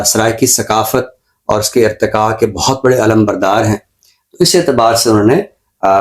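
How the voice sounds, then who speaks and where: Speaking with a Pakistani accent, a male show presenter talks through a book review without a script, in a measured and learned style. His voice runs somewhat low.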